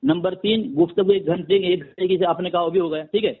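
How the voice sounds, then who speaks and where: A man's voice: high-pitched, breathy edge. A man on a phone call firmly laying out numbered conditions for a religious debate. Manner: insistent, lists numbered conditions formally. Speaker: debater setting terms. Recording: tinny phone line.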